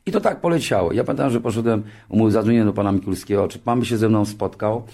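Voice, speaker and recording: A man in his sixties, a television show creator, telling an anecdote in a lively way. He often restarts his sentences and jumps into higher voices when he quotes other people. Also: fast, vocal fry. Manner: frequent restarts and filler words. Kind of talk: anecdotal storytelling.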